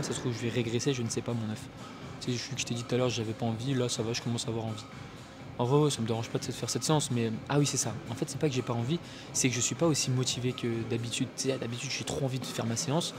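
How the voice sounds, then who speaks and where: A young man in his twenties talks quickly and flatly to the camera at the gym, chatty and jumping between thoughts. His voice sits at an ordinary pitch with little rise and fall. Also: music in the background. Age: 20s. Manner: chatty, scattered, talks to the viewer. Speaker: fitness vlogger. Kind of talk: casual gym vlog chat.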